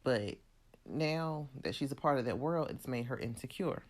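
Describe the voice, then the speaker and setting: Casual recap host, chatty, opinionated, conversational fillers, mid-pitched voice. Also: normal speed. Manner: loose, conversational with frequent "like" and "you know".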